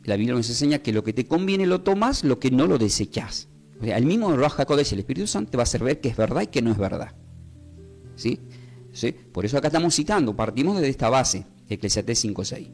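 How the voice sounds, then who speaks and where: A man with a Rioplatense Spanish accent, teaching a Bible class as a pastor in a conversational way, often checking in with his listeners. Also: medium pitch. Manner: animated, conversational, asks the class frequent questions.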